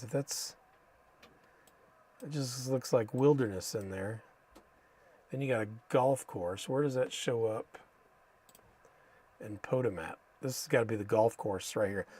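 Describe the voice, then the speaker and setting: An American man hosting a casual live stream, thinking aloud haltingly and saying Spanish names with an American accent. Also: medium pitch, dark tone, breathy edge. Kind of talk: casual live stream commentary while reading maps.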